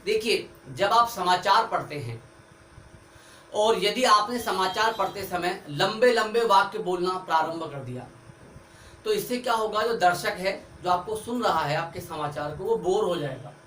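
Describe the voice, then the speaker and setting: Male teacher, step-by-step online lesson, high-ish voice, roomy distant recording. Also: lively intonation, unhurried, a bit bright. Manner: explains step by step, writing on a board as he talks. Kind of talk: online Hindi grammar lesson. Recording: echoey room, far from mic, faint background hiss.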